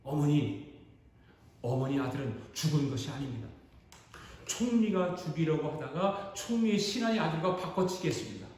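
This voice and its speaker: A man's voice: a little high, expressive, normal speed, darkish tone, pitched below the performer's own voice, natural voice. A man voicing an earnest young man explaining himself to his mother, in an echoey hall. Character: young man, long-lost grandson, earnest.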